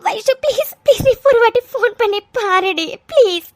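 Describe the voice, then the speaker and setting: A woman's voice: very high-pitched, expressive, normal speed, a little mellow, slight background noise. A woman voicing a tearful, lovesick young woman in a cartoon, crying as she speaks. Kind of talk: cartoon voice acting.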